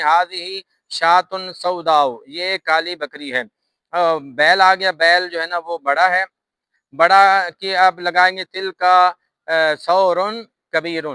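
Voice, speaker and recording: A man's voice: high voice, bright, forceful tone, clean tone, no echo, rough recording. A man with a Pakistani Urdu accent teaching an Arabic lesson, patiently repeating each grammar rule step by step. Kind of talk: classroom lesson explaining grammar.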